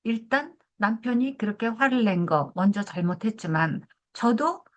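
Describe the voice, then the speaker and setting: A woman's voice: a little high, animated, normal speed. A woman in her seventies, a family therapy professor, lecturing in a conversational way and telling a story from her own marriage. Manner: conversational, asks listeners for agreement.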